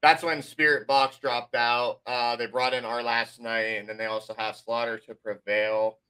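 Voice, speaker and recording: Tired, bright-voiced casual male podcaster. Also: medium pitch, little pitch movement, normal speed, clean tone. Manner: loose, profane, trailing off in restarts. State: tired, yawning. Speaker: podcast co-host reviewing music. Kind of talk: casual chat.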